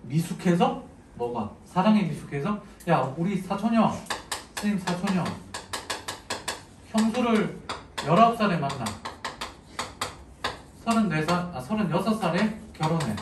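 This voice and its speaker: A man's voice: high voice, lively intonation, unhurried, pauses often. A man teaching literature to exam students in a casual, joking way, often stopping to ask his students questions. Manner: chatty, jokey, asks students questions. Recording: echoey room, mic at a distance, noisy.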